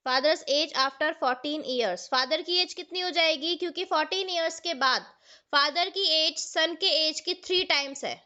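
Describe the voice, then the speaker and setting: A woman with an Indian accent teaches an online maths class, her voice high and bright. She explains each step slowly and keeps putting questions to her students. The sound is dull and lo-fi, like online class audio. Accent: Indian English. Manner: explains step by step, asks the students questions, mixes Hindi and English.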